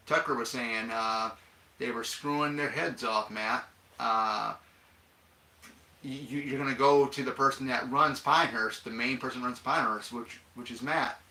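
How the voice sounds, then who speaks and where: Man talking about a film, easygoing and meandering, gravelly with a sharp, bright edge, in a roomy space. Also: mid-range voice. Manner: rambling, many fillers and restarts. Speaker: film commentator. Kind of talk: casual chat. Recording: echoey room.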